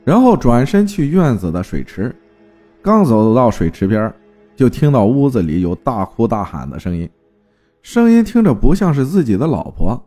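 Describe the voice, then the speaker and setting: Expressive male storyteller, mellow tone. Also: medium pitch, husky. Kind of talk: spoken folk ghost story narration.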